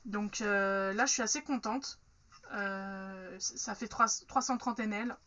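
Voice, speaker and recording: A woman's voice: medium pitch, steady tone, unhurried, bright, forceful tone, lo-fi sound, slight background noise. A woman chatting frankly through an unboxing, with many fillers. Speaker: unboxing vlogger. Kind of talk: casual unboxing chat.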